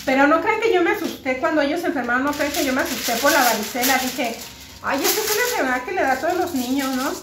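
Mexican woman in her thirties, high voice, casual vlog chat, roomy sound with noise behind. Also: expressive, quick pace. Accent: Mexican Spanish. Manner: chatty, talks straight to her viewers. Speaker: vlogger and homemaker. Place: home kitchen indoors, later outdoors at a park.

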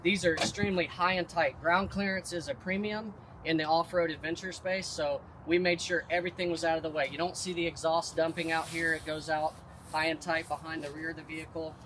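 Guy in his 30s walking through van features, fairly high voice, steady pitch, outside with light noise. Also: a little fast, low-quality recording. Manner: confident, detailed sales pitch. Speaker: manufacturer representative. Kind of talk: product explanation. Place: outdoors at a vehicle lot.

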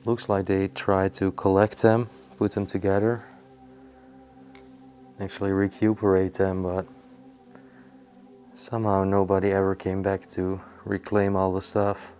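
Young male explorer, deep monotone narration, camera mic indoors. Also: measured pace, long pauses, faint music behind. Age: young adult. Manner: hushed, curious commentary while touching old objects. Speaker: urban explorer. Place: indoors in an abandoned house.

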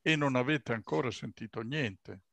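A man, an author, talking casually and relaxed about how readers will imagine his book. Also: medium pitch, normal speed, vocal fry. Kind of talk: casual talk at a book event.

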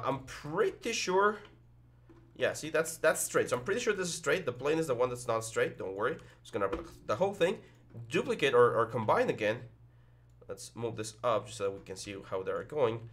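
In this screen-recorded software lesson, the young 3D modeling instructor on a headset talks through his thinking, stumbling over fillers and starting sentences over. He has a mid-range, gravelly voice with a fairly bright tone.

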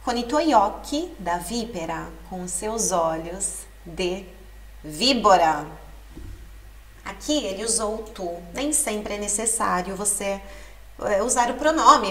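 A woman teaching Italian and reading lines aloud slowly, her voice sitting in the middle range for a woman. The sound is roomy and echoey, recorded from some distance, with a faint hum of ambience behind her. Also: mid-range voice, fairly bright tone. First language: Portuguese. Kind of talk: language lesson. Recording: echoey room, mic at a distance.

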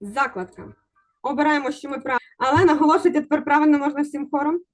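A woman's voice: sits high, fairly even intonation, fast talker. A woman teaching an online exam-prep lesson over a video call, encouraging and coaxing her students to answer.

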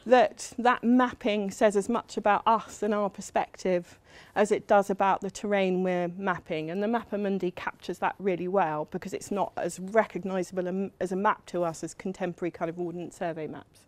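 A woman's voice: medium pitch, steady tone, normal speed, hardly any pauses, dry recording. A middle-aged woman from England giving a university lecture in a chatty, self-deprecating way with frequent ums. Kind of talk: academic lecture.

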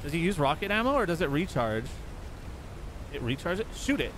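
A man giving excitable, casual gameplay commentary as a streamer, yelping, laughing and swearing over loud game sounds. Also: fairly high pitch, normal speed, noisy background. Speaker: gaming streamer.

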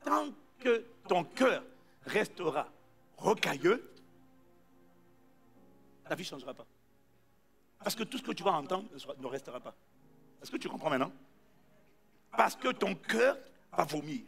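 A man preaching a sermon to a congregation, calling out to them and shouting his points for emphasis. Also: fairly high pitch, sing-song, moderate pace, vocal fry, long pauses, slightly rough, faint music behind.

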